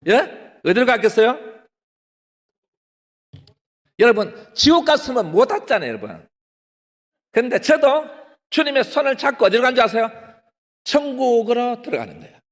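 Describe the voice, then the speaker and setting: Male pastor with a Gyeongsang accent, high and lively delivery, keeps addressing the congregation, echoing hall. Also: normal speed, long pauses. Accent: Gyeongsang Korean. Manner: animated, often addresses the congregation, acts out his own excited pleading. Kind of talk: testimony sermon. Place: prayer retreat hall. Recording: long hall reverb.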